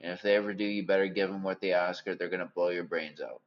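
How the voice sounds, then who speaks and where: A man with a gravelly smoker's voice giving a candid, theatrical, rambling personal monologue as a host, in a wordy way. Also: sits low, steady tone, fast, muffled recording.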